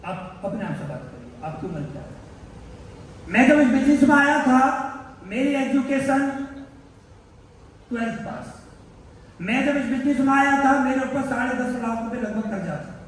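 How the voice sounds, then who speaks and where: A man's voice: very high voice, lively intonation, moderate pace, long pauses. A man in his thirties giving a motivational business seminar, quizzing the crowd with repeated questions and answers. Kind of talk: seminar speech to a live audience. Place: large hall. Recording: echoey hall from far off, faint noise.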